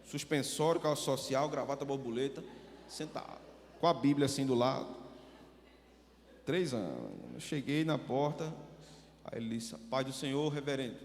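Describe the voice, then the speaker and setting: Pastor preaching with humor. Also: male voice, mid-range voice, lively intonation, moderate pace, pauses often, darkish tone. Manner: humorous, acts out voices in anecdotes. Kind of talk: storytelling sermon. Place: church sanctuary. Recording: long hall reverb, faint noise.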